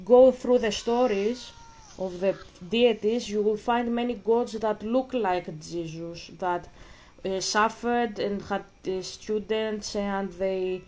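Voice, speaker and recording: A woman's voice: mid-range voice, steady tone, slow, warm tone. A woman from Greece, talking casually on her own channel and thinking aloud, with frequent restarts and fillers. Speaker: vlogger. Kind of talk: casual chat.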